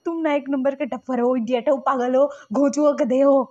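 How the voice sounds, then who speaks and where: A woman's voice: a little high, normal speed, darkish tone, muffled recording, close to an everyday voice. A woman voicing a childish young man who throws tantrums over pastry, speaking in a whiny, petulant way. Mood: whiny outrage.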